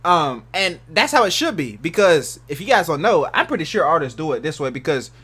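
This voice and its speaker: A man's voice: fairly high pitch, sing-song, fairly quick, a bit bright, husky. A man casually commentating for his viewers in a slangy, rambling way. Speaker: reaction video host.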